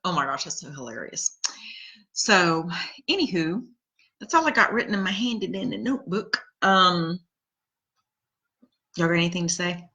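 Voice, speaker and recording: Woman host, forties, chatty and rambling, bright lowish voice, casual live storytelling. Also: very animated, normal speed, pauses often, dull audio. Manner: chatty, rambling, laughs at her own stories. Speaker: podcast host reading live comments.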